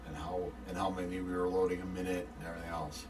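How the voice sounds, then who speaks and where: A man's voice: low voice, little pitch movement, fast, recorded from a distance, noisy background. A man, a war reenactor guest, patiently explaining history and giving hints in a casual chat. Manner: patient, gives hints, chuckles often.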